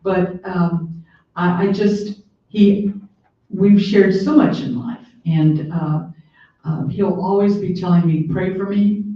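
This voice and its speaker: An older woman speaks at a library talk, reminiscing with plenty of fillers and restarts. Her voice is dark and mellow. It sounds muffled and distant, heard through a very echoey room. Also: lowish voice, steady tone, slow. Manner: warm storytelling with frequent fillers and restarts. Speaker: author and guest speaker.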